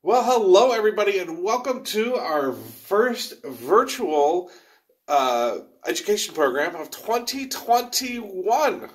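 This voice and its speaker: A man's voice: high voice, lively intonation, takes it slowly. A man hosting a casual live virtual program from underground in a mine, talking in a folksy, rambling way. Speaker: host and president of a rail education group.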